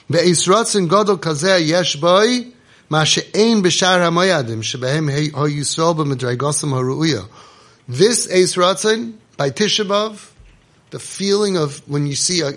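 A man's voice: a little high, fairly bright tone. A man speaking as a rabbi giving a Torah lecture, reading text and explaining it emphatically, with repeated phrases. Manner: emphatic, repeating and rephrasing for effect. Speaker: rabbi giving a religious teaching.

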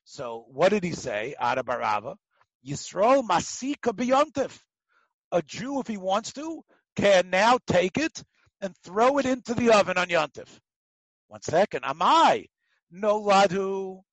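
A man with a notably high-pitched voice teaches a religious text lesson. He is animated and conversational, often throwing out a question and answering it himself. He repeats phrases to drive a point home. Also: a little slow, dry recording, poor audio. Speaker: teacher of a Talmud class.

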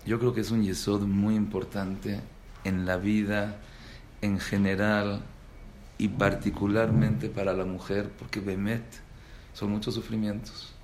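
A man's voice: on the low side, unhurried, reverberant, slight background noise. A man, a rabbi giving a religious lecture, who tells stories and acts out the people in them. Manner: lively storyteller, acts out quoted dialogue. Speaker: rabbi teaching a class.

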